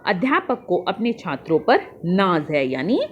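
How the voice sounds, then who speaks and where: A woman teacher patiently walking young children through a worksheet, spelling out answers slowly and calling her pupils "beta". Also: fairly low pitch, big pitch swings, muffled recording, a little hiss or hum.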